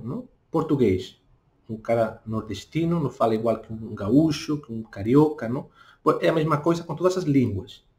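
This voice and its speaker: A man speaking with a Spanish accent, a native Spanish speaker who gives a casual spoken lesson, talking slowly and tagging his points with little questions. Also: mid-range voice, darkish tone. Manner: talks deliberately slowly, tags questions with "não?". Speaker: language teacher.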